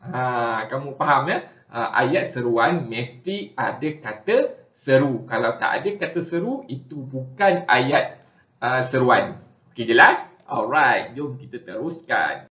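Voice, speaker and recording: A young man with a Malaysian Malay accent teaching an online language lesson in a relaxed, chatty way, filling pauses with "ha" and "ya". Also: medium pitch. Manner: relaxed, chatty, frequent "ha" and "ya" fillers. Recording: dull echoey room recording.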